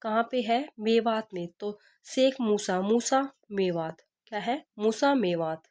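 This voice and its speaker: A woman's voice: medium pitch, measured pace, darkish tone. A woman teacher gives an exam-prep lesson, repeating each question and answer and teaching memory tricks. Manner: repeats questions and answers, asks rhetorical "kya hai?".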